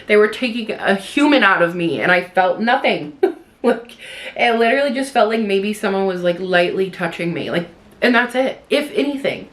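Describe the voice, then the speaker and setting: A young woman vlogger chatting in a rambling way while doing her makeup, full of likes and restarts. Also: medium pitch. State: tearful at moments. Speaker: beauty vlogger.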